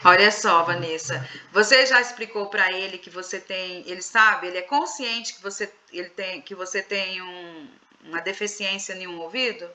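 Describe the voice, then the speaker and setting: A woman's voice: on the low side, normal speed, bright, forceful tone, slight background noise. A Brazilian woman, a psychoanalyst, leading a casual women's group discussion online, asking questions and coaxing others to speak.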